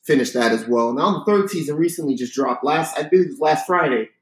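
Young male co-host, lightly high voice, casual delivery, very roomy sound. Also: expressive, quick pace. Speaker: podcast co-host. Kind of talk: casual chat. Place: basement, indoors. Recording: echoey basement room.

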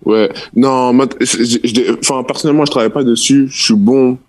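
A teenage basketball player, talking casually in an interview, laid-back and slangy with many fillers. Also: male voice, mid-range voice, steady tone, a little fast, darkish tone. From France. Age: teens. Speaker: young basketball player guest.

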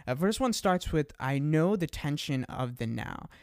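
A man's voice: a little high, lively intonation, a little slow, clear, resonant tone, no room sound, clean studio sound. A young adult man hosting a casual podcast. He talks in an easygoing way, laughs at himself and uses lots of fillers. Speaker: podcast host. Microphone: desk microphone.

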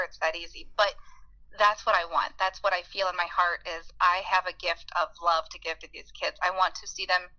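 A woman in her forties speaks with a bright, clear tone. She is earnest and enthusiastic as she tells personal stories about becoming a teacher, briefly voicing the people she remembers. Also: lowish voice, low-quality recording. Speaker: interviewee, beginning teacher. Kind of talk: heartfelt personal storytelling.

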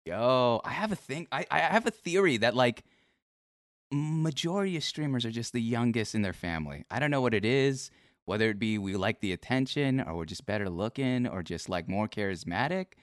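A man's voice: mid-range voice, animated, normal speed, dry recording, studio quality. A man streaming, chatting casually with a guest, teasing and laughing easily, often repeating his words. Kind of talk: casual chat.

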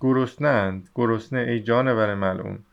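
A man's voice: fairly low pitch, vocal fry. A man reading aloud the lines of a furious, desperate poor mother and wife, scolding in an angry outburst. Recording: slightly dull lo-fi audio.

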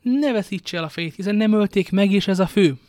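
A man's voice: high voice, darkish tone, no echo, studio quality, pitched above the performer's own voice, close to an everyday voice. A man reading the part of a kindly old witness who recounts a kidnapping and reassures a young man. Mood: reassuring. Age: older.

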